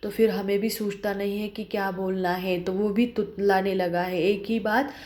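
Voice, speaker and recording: Warm-voiced woman explaining a lesson. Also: mid-range voice, fairly even intonation, moderate pace. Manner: explains line by line, asks rhetorical questions. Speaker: Hindi teacher.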